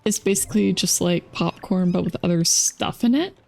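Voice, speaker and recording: A woman's voice: on the low side, moderate pace, creaky, a little mellow, faint music behind. A woman streamer chatting casually to her viewers while playing a game. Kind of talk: casual gaming chat.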